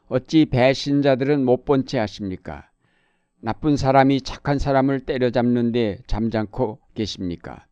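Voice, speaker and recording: A male pastor delivers a sermon at an unhurried, measured pace, slowing down for weighty scripture readings. His voice is mellow and smooth. The recording is close and dry, with a slightly muffled tone. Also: mid-range voice, dry recording.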